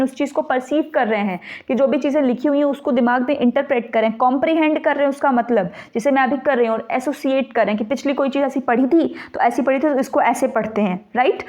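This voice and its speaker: A high-voiced woman with an Indian English accent teaches an exam-prep lesson. She reads definitions slowly, then explains them in quick bursts, asking questions and answering them herself. The audio is dull and lo-fi. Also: darkish tone.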